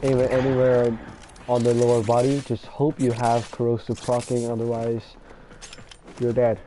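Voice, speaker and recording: A man's voice: mid-range voice, completely flat delivery, moderate pace, background noise. A man casually commenting over a video game, rambling and self-deprecating as he talks to viewers. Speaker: gamer showing his builds.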